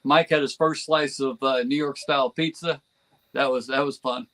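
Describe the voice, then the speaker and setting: A man's voice: medium pitch, steady tone, normal speed, bright, forceful tone, rough recording. A man from New Jersey chatting as a guest on a fan podcast, enthusiastic and rambling, with frequent chuckles. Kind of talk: casual podcast chat.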